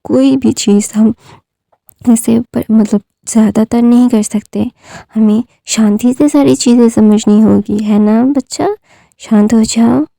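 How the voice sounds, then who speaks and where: A woman narrator voices a gentle uncle from a spoken fan story, talking a distraught boy down. The voice is mellow and dark, with a touch of fry, close and dry. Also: a little high, fairly even intonation, measured pace, dry recording. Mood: soothing. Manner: gentle, reassuring. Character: calm soothing older uncle.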